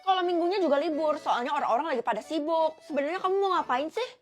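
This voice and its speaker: A bossy older sister, as a woman puts her on, who teases and scolds in a high, lively voice. The story is a short scripted social-video piece. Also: quick pace, faint music behind. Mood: teasing. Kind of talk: scripted POV role-play.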